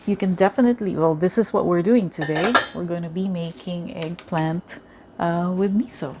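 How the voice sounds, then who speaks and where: A Filipina cooking vlogger whose first language is Tagalog chats casually through a demonstration in her home kitchen, thinking aloud with lots of fillers. Her voice is on the low side at a normal speed, and pots and cutlery clatter clearly in the background.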